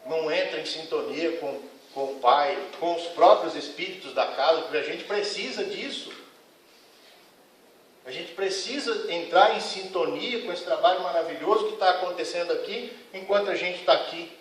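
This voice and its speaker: A man's voice: fairly high pitch, normal speed, a bit bright, a little hiss or hum. A man giving a spiritist lecture to a congregation, earnest and admonishing, speaking frankly to the audience. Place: lecture hall of a spiritist center. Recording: echoey hall, mic at a distance.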